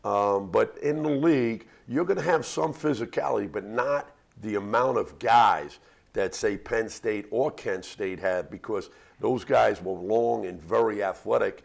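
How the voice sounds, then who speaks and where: Male basketball coach, low and gravelly, relaxed and rambling. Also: a little slow. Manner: relaxed, rambling, many "you know" fillers. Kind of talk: radio interview answers.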